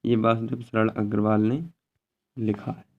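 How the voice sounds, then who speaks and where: A man's voice: on the low side, little pitch movement, unhurried. A male teacher going through an exam paper step by step, repeating each answer and checking in with a short confirming word. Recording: slightly dull lo-fi recording with faint noise.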